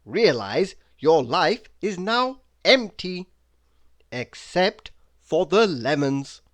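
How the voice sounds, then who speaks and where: Reading humorous motivational quotes aloud, tongue in cheek, this reader goes extremely slowly. The style is dramatic and deliberate, pitch swings around lively, and phrases are separated by clear pauses.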